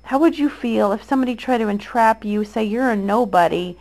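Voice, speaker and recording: A fairly quick, slightly mellow, somewhat high female voice comes through poor audio. She is a mother in her thirties talking directly to the camera to rebut her accusers, aggrieved and insistent, repeating herself and full of restarts and fillers.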